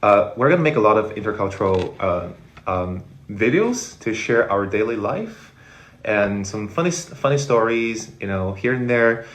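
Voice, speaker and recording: A man talks casually to camera. His voice sits a little low, and he speaks in a hesitant, friendly way, restarting phrases as he goes. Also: expressive, moderate pace, a bit bright. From China. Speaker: co-creator of a couple's channel.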